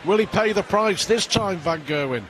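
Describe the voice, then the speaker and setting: A man's voice: high-pitched, expressive, moderate pace. A man giving live darts commentary as the lead commentator. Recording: loud background arena noise. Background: noisy darts arena.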